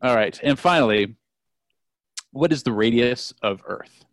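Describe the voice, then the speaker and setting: A man's voice: medium pitch, expressive, a little slow. A man hosting a podcast, playfully quizzing his friends in casual chat. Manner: playful quizmaster, laughs often. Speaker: podcast host running a trivia quiz.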